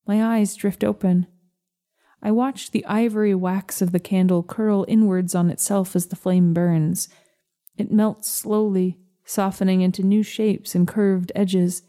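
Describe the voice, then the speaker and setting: A woman narrates a first-person tale with a slow, gentle, measured delivery. Her voice is mellow and warm and sits at an ordinary middle pitch.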